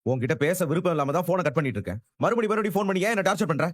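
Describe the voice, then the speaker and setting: A hot-tempered, sarcastic boyfriend. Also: male voice, sits high, animated, very fast, no room sound, studio quality. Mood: angry. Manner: angry, sarcastic, dismissive. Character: hot-tempered young man snapping at his girlfriend. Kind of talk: TV serial acting.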